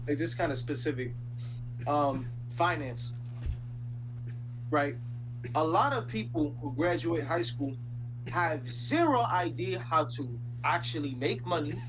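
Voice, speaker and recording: A man's voice: a little high, animated, a little slow, long pauses, poor audio. A young man from the Dominican Republic ranting casually in a video chat, slangy and profane, rambling with lots of fillers. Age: young adult. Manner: slangy, swears a lot, rambles with many fillers. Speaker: random video chat stranger. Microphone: video chat computer mic. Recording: video chat audio with loud background hum.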